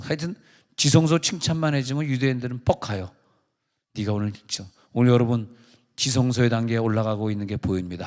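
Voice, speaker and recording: A man's voice: mid-range voice, darkish tone, long reverb tail. A male pastor giving a conversational, joking sermon to his congregation. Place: large church sanctuary.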